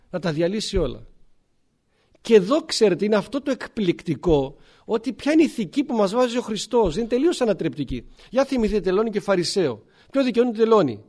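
A male priest delivers a sermon in a fairly high voice. He walks through scripture with rhetorical questions and clears his throat often as he talks. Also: a little mellow.

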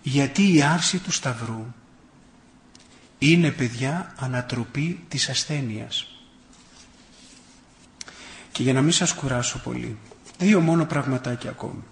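A man's voice: medium pitch, long pauses, reverberant. A priest giving a sermon. He builds emphatic rhetorical lists and mixes in folksy personal anecdotes with self-irony.

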